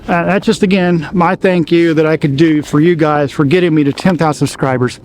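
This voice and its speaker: Chatty man talking fast in the cold. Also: fairly high pitch, fairly even intonation, darkish tone, a little hiss or hum, poor audio. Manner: chatty, repeats instructions, talks fast. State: cold, freezing outdoors. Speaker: wildlife photography channel host. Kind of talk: casual giveaway explanation to camera. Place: outdoors at dusk in Alaska.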